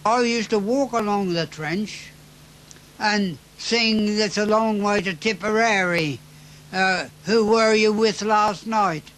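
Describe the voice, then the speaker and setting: A very elderly Englishman, a war veteran, remembering the old days in a halting, repetitive way. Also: high voice, a bit bright, rough recording. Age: very elderly, 90s or older. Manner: halting, repetitive, rambling delivery. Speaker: First World War veteran. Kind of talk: old veteran reminiscing in an interview.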